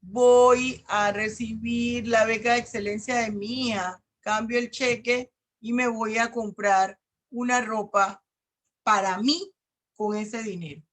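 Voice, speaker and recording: A woman's voice: a little high, fairly even intonation, takes it slowly, fairly bright tone. A middle-aged woman law professor with a Panamanian Spanish accent, giving an online lecture and explaining legal articles with everyday examples.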